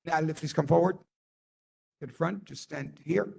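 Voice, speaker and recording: A man chairing a community board meeting, halting and full of ums as he calls people forward and runs a vote. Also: on the high side, creaky, a little mellow, slightly rough. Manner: halting, many ums and restarts.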